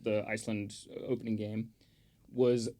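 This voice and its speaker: A man's voice: on the low side, flat delivery, normal speed, mellow. A man chatting on a podcast as the football pundit, opinionated and rambling, with lots of fillers and the odd swear. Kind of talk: casual chat.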